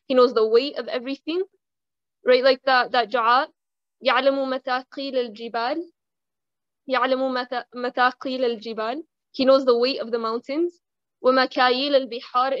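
A young woman giving a casual religious reminder, chatting with the audience, asking them questions and reciting Arabic quickly. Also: high voice, no room sound. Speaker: Islamic reminder speaker. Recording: dull lo-fi dry sound.

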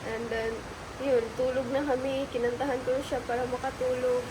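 Woman vlogger, chatty and relaxed, high voice, storm noise in the recording. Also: normal speed. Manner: chatty, addresses viewers as guys. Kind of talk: casual family vlog chat.

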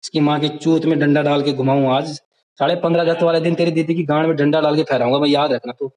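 A man's voice: fairly high pitch, fairly even intonation, quick pace, a little mellow, low-quality recording. A man on a voice call, delivering a heated, aggressive rant full of taunts and insults. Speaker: caller in a group voice call. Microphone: phone on a voice call, screen-recorded.

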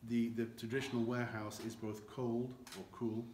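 His voice at medium pitch, level and a little mellow, an older man explains cognac aging at a moderate pace. He guides visitors through a large, dim, earthen-floored barrel warehouse, gesturing with both hands. The audio, from a camera a few meters away, has echo and faint noise.

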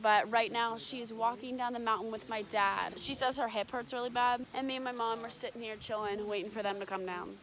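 A woman's voice: on the high side, steady tone, a little fast, hardly any pauses, a bit bright, rough recording. A young woman vlogging casually into a handheld phone outdoors on a ski slope. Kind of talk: casual vlog chat to camera. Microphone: handheld phone at arm's length. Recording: faint outdoor noise on phone.

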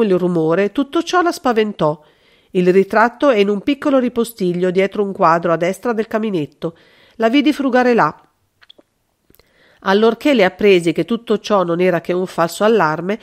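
A woman reading a calm, clever detective. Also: medium pitch, close to an everyday voice. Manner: measured, explanatory. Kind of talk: audiobook character reading.

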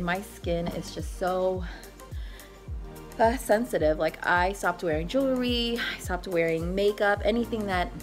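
A woman vlogger in casual chat, talking in a chatty, rambling way with many fillers. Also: mid-range voice. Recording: background music clearly heard.

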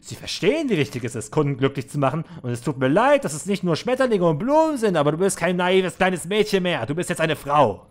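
A man's voice: fairly high pitch, sing-song, fast talker, hardly any pauses. A man voicing a cruel, manipulative older male manager who scolds condescendingly, reading game dialogue in a let's play. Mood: scolding.

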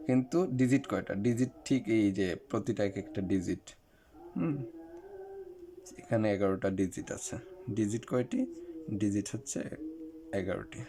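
A man teaching an English lesson explains things step by step, speaking directly to his viewers and using fillers. His voice is on the low side and expressive, moving at a measured pace with long pauses.

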